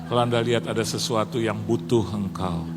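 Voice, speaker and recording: A man's voice: fairly low pitch, fairly even intonation, brisk, very noisy. Indonesian-speaking male pastor telling stories. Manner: storytelling, acting out quoted voices, addresses congregation as Saudara. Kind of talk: sermon with humorous anecdotes. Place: church service.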